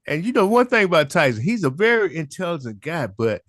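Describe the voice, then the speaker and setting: A man in casual sports chat, animated and emphatic about boxers. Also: fairly high pitch, fairly quick, dry recording. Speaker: co-host.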